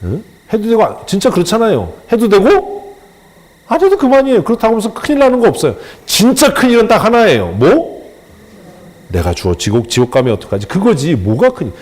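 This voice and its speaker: A male pastor delivers a sermon in a fairly high, very animated voice that leaps up and down in pitch. He talks to the congregation plainly and with humor, acting out short exchanges instead of reading. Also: a little fast. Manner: animated, colloquial, acts out dialogue with humor.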